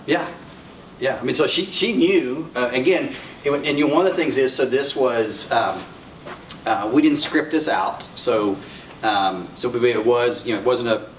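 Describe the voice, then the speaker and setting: A middle-aged instructor from Arkansas, United States, with an Arkansas accent and an unhurried, mid-range voice leads a conference workshop. His style is conversational: he asks the audience questions and echoes back their answers. The recording, from a distant mic in a conference room, is roomy with faint noise.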